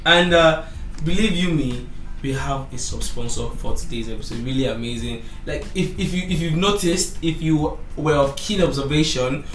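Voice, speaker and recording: A man hosting a podcast in casual chat, hoarse, with a slangy, laughing, loud way of talking. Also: on the high side, normal speed, roomy sound, distant mic, faint music behind, poor audio. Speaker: podcast host.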